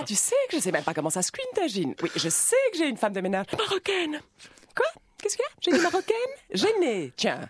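A comedienne plays a prim, gossipy bourgeois housewife chattering down the phone, her husky voice leaping wildly up and down. The dry studio sound puts her right at the mic. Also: medium pitch, no echo. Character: snobbish chattering bourgeois housewife, middle-aged. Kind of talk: radio comedy sketch, phone monologue. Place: radio studio.

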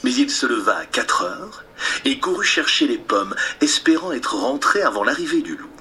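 A man reading a children's fairy tale aloud in a playful, expressive storytelling style. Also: medium pitch, normal speed, faint music behind.

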